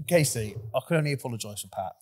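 A man's voice: medium pitch, lively intonation, fast talker, husky. A man hosting a casual podcast, rambling and repeating words as he starts sentences, often laughing between lines. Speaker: podcast host.

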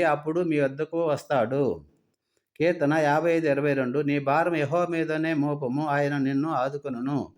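Earnest preacher, higher-pitched man. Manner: earnest preaching, reciting scripture references in quick runs. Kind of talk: sermon.

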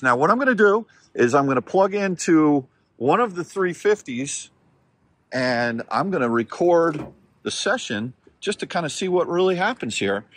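A husky man chats away from the driver's seat of his car. He rambles and thinks aloud as he goes, trailing off and picking his thread back up. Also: a little high, a bit bright, no room sound. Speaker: vlogger reviewing electric cars. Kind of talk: casual talk while driving. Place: inside a car.

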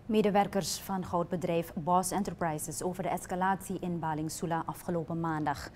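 A woman reading scripted news narration in a formal, measured way. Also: on the low side, fairly even intonation, a little mellow, slight background noise. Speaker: news reporter.

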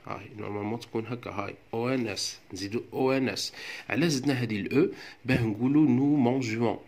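A man's voice: on the low side, very fast, gravelly. A man with an Algerian Arabic accent, teaching a French grammar lesson step by step in a patient way. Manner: patient, step-by-step explaining, often checks with "d'accord".

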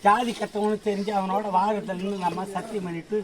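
A man's voice: sits high, fairly even intonation, a little fast, crowd noise. A man with a Tamil Nadu accent telling a story as a street theatre performer in declaimed style. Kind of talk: declaimed storytelling and closing address.

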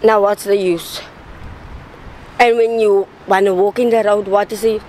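A woman's voice: medium pitch, flat delivery, measured pace, a little mellow, a little hiss or hum, poor audio. A woman in her thirties with a Cape Town South African accent, giving a blunt, indignant street interview outside by a stadium. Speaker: interviewee, local resident.

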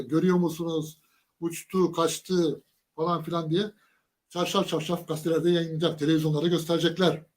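Brief: male commentator, fairly high voice, sarcastic and emphatic, talks straight to camera. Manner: mocking, sarcastic, full of rhetorical questions; emphatic, lists words one by one. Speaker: political commentator. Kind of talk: casual spoken commentary to camera.

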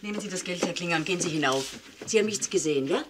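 An actress playing a controlling shopkeeper's wife who gives brisk, insistent orders, in a 1970s TV crime drama. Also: female voice, on the low side, natural voice. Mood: coaxing, firm. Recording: old TV sound with clear hiss.

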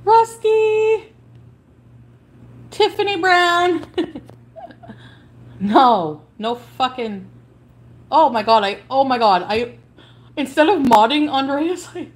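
A woman's voice: fairly high pitch, unhurried. A woman livestreamer in an angry, profane rant, hurling insults at her chat while blocking people.

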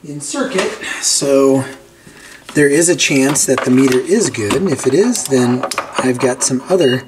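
A man at a cluttered workbench indoors hosts a repair channel, giving a casual hands-on walkthrough and musing aloud. His mid-range voice moves a little slowly over steady, clear background noise with clicks.

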